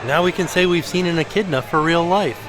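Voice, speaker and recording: A man's voice: on the high side, brisk. A man chatting casually and enthusiastically as he vlogs a food and merch review. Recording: loud music and busy outdoor crowd behind. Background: loud music, crowd.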